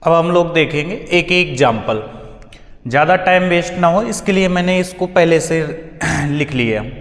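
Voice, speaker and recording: A man's voice: fairly high pitch, normal speed, a bit bright. A male teacher giving a grammar lesson, asking questions and answering them himself. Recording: echoey hall sound.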